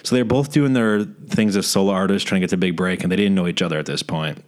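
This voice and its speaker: A man's voice: low-pitched, fast. A man co-hosting a podcast in casual chat, easygoing and storytelling, often searching for the right words. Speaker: podcast co-host.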